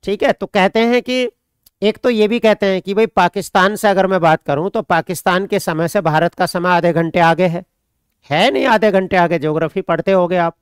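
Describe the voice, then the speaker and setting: A man's voice: high voice, normal speed, smooth, no room sound, clean studio sound. A man from India, teaching an online exam-prep class. He repeats points, dictates notes and answers students' questions.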